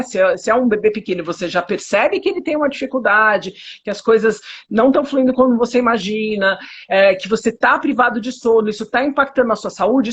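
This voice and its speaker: A psychotherapist with a Brazilian accent, speaking emphatically with indignant rhetorical questions in a conversational interview. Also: female voice, fairly high pitch, breathy edge. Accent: Brazilian Portuguese. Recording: dull lo-fi audio.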